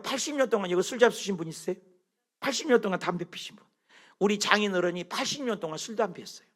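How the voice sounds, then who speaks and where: Lively high-pitched middle-aged pastor. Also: male voice, creaky. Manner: animated storytelling, questions to the congregation. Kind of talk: sermon.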